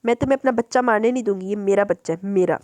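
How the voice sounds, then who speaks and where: A woman's voice: medium pitch, very fast, a little mellow, no room sound, natural voice. A woman voicing a defiant, wronged young woman in an audiobook novel, speaking with fierce indignation.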